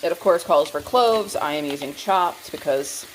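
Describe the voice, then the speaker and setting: A woman's voice: sits low, normal speed, slight background noise, rough recording. A woman vlogging about her food in a casual, chatty way, often breaking into informal asides and interrupting herself. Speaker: vlogger sharing meals and recipes. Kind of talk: casual cook-with-me vlog chat.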